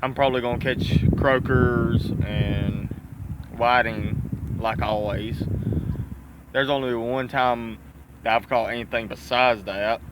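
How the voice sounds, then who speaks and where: Against a noisy background, a medium-pitched man with a Southern US accent rambles casually to camera as a fishing vlogger. He's folksy and a bit profane, and a dip of chewing tobacco shapes his speech.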